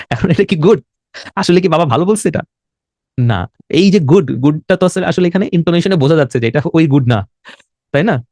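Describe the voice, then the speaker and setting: A young man with a Bangladeshi accent whose first language is Bengali, teaching an online IELTS lesson. He explains things slowly, drops English words into his talk and writes on a board as he speaks. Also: fairly high pitch, lively intonation, darkish tone, dry recording. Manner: writes on a board while talking.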